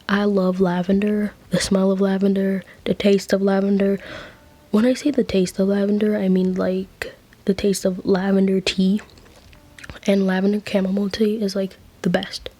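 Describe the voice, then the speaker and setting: A woman's voice: medium pitch, mellow. A woman narrating a fan fiction story as whispered role-play, casual with chatty asides.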